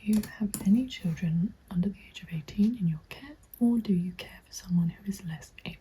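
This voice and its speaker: With a breathy whisper and a medium pitch, a young woman from England briskly plays a recruitment consultant in an ASMR roleplay, offering polite, gentle, attentive customer-service chatter into a close microphone. Keyboard typing and slight background noise fill her small home room, and the recording is low quality.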